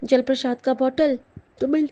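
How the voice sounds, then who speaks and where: A woman's voice: sits high, fairly even intonation, moderate pace, dark tone. A woman giving an earnest, emotional devotional testimony to her listeners in a casual satsang talk. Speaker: satsang speaker.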